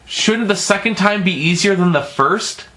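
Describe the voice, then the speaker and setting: Bright-voiced man rambling through a film review. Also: sits high, normal speed. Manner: rambling, stumbling over names and words. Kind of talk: casual, profane spoken film review.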